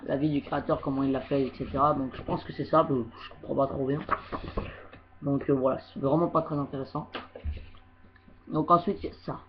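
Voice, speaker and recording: A man's voice: mid-range voice, muffled recording, slight background noise. A young man doing a casual home unboxing video of a game controller, hesitant and full of filler words. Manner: hesitant, heavy fillers like "donc, euh".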